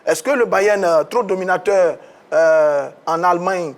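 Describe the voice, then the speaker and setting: A man's voice: high-pitched, a little slow. Hesitant male football pundit. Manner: questioning, searching for words.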